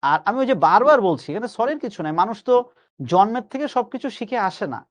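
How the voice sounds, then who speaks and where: A young man teaching an online grammar class, coaxing his students and repeating key phrases slowly for emphasis. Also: sits high, big pitch swings. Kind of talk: live online class lecture.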